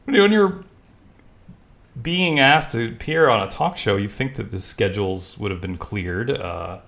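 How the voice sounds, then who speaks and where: A man from Staten Island talks over an old TV clip in a low, gravelly voice. His commentary is sarcastic and loose, full of chuckling asides and the odd curse. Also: moderate pace, fairly bright tone. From Staten Island, New York. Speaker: video commentator.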